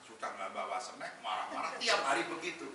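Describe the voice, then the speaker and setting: Heard from far off in an echoey hall with faint background noise, this brisk, mid-range male voice belongs to the guest speaker, head of a national Muhammadiyah institute. His religious talk to the gathering is jokey and lively, with Arabic verses quoted amid banter with the audience.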